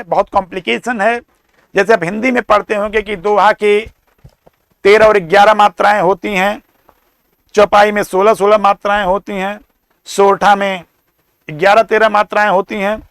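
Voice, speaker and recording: A man with an Indian accent giving a classroom lecture, explaining slowly, repeating and sounding out words. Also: high-pitched, a bit bright, no room sound. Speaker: teacher.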